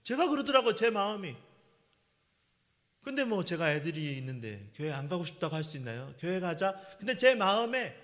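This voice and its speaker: Middle-aged male pastor, high and lively delivery, long church-hall reverb, storytelling sermon. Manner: animated storytelling, acts out quoted lines. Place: church sanctuary.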